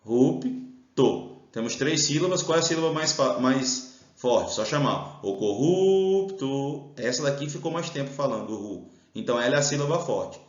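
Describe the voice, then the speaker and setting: A man's voice: mid-range voice, lively intonation, fairly quick. A Brazilian male teacher works through an exam-prep grammar lesson, explaining each step and drawing out the stressed syllables. His voice sounds roomy and slightly dull. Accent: Brazilian Portuguese.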